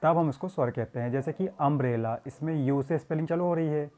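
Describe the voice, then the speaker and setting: A man's voice: fairly high pitch, fast talker, warm tone. A man teaching an English grammar lesson, explaining in Hindi mixed with English and calling his students "beta".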